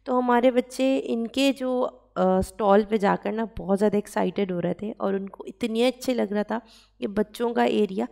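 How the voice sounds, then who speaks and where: A chatty woman in her thirties with a Pakistani accent, narrating a home vlog in a relaxed, conversational voice-over. Her voice has a gravelly edge, and she sits at a middle pitch for a woman. She often pauses on "uh" and slips English words into her talk. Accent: Pakistani Urdu. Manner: chatty, with frequent "uh" fillers and English words mixed in. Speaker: vlogger.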